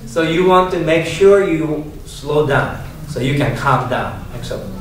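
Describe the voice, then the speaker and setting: Man teaching a lively speech class. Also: on the high side, measured pace. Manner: encouraging, asks questions and laughs often. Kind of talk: classroom lesson. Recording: echoey room, distant mic, background noise.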